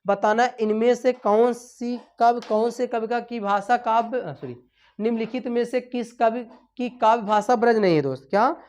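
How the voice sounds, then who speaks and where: Teaching Hindi for an exam, this woman poses "what?" questions and repeats every reply as drill practice. She speaks at a moderate pace in a higher register, letting her phrases trail off softly.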